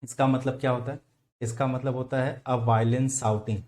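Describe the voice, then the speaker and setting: A male English teacher with a Hindi accent giving an online vocabulary lesson for exam students, explaining slowly, spelling out words and putting questions to the class. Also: mid-range voice, level tone, a little mellow.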